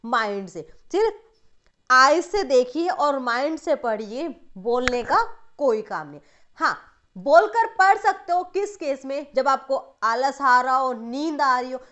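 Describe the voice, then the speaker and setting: High-voiced young woman coaching students. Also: animated, measured pace, fairly bright tone. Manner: addresses viewers as students, mixes English terms into Hindi. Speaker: study coach. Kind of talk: motivational study lesson.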